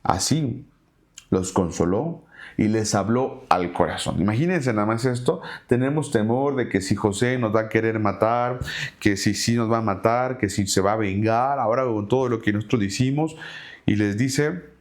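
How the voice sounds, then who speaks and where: A man's voice: lowish voice, normal speed. A man teaching a Bible study, reading verses aloud and then retelling them in casual everyday words. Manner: reads scripture aloud then paraphrases it conversationally.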